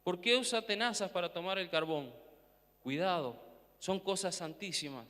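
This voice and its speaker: A man preaching a sermon and reading scripture in a theatrical, declamatory way with dramatic pauses, in an echoey hall. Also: high voice, pushed and bright. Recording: echoey hall with long reverb.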